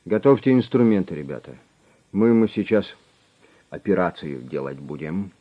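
A man voicing a calm, menacing middle-aged gang boss who mocks his captive with cold smugness. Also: low-pitched, moderate pace, narrow, tinny audio. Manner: smug, coldly mocking.

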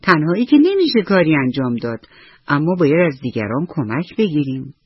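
Wise winged ant, woman voicing, gentle and calm, dull dry radio tone. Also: deep voice, breathy edge, dry recording, full character voice. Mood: kind. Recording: dull lo-fi radio with soft music.

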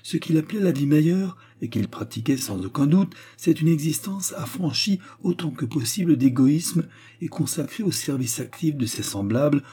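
A man reading an audiobook voices a joyful, effusive young woman who gushes and exclaims, with a husky edge to his voice. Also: on the high side, animated, moderate pace, mellow, pitched above the performer's own voice. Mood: earnest. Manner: exclamatory, gushing.

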